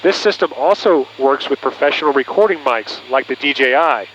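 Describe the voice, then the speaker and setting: A man's voice: medium pitch, moderate pace, fairly bright tone. Guy doing a product walkthrough like a pilot on the radio, muffled headset intercom, bit of noise. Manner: instructional, pilot talking through a headset intercom. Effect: aviation headset intercom sound. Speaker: presenter, pilot. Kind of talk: scripted product demonstration. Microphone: aviation headset through intercom cable.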